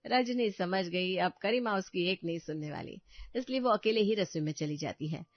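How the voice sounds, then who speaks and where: A woman giving calm scripted narration of a cartoon story. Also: fairly low pitch, moderate pace, dry recording. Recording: dull dry voice-over with faint music.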